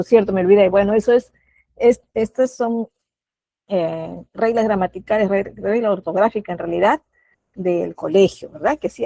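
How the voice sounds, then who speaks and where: A middle-aged woman with a Peruvian Spanish accent leads an online class over a video call. Her voice is mellow and dry, and she keeps asking the group questions and naming students as they answer. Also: mid-range voice, gravelly, dry recording. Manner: patient, questioning, calls on students by name. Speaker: teacher.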